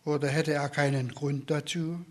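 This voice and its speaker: A man preaching a sermon in a slow, earnest way, dropping to a soft whisper for repeated questions. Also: on the high side, fairly even intonation.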